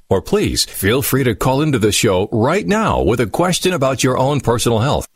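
Man, infomercial announcer, scripted promo, raspy edge, dry close sound. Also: no room sound. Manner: infomercial pitch, repeating the phone number.

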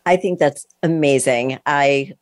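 A woman hosting an interview with a sometimes raspy voice, chatting in a friendly, relatable way. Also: rumbling low, measured pace, dry recording, clean studio sound. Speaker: podcast host. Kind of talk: casual interview.

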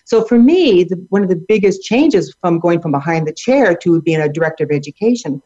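A woman's voice: on the low side, expressive, a little fast, dark tone. A middle-aged woman answering as an interview guest, upbeat and laughing lightly as she talks. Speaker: guest, hair educator. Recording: dull lo-fi audio.

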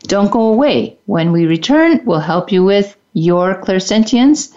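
A woman co-host reads an event announcement in an upbeat, promotional way. Her voice sits at a middle pitch. The sound is dull and lo-fi, like a radio broadcast. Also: animated, measured pace, mellow.

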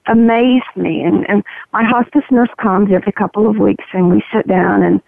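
A woman with a gravelly, froggy, medication-roughened voice gives a candid, reflective personal account as an interview guest, in halting phrases. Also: mid-range voice, no echo. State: voice roughened by morphine. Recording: narrow, tinny phone-line sound.

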